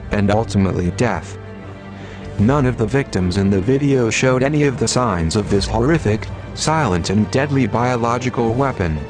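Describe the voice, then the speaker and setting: A man narrating a scripted message in a stern, declamatory way through a disguised deep voice. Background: music playing.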